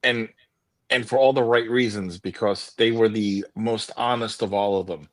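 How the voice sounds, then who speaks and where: A man co-hosting a casual podcast, speaking haltingly with wry, deadpan asides. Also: fairly low pitch, no room sound. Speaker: podcast co-host. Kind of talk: casual chat.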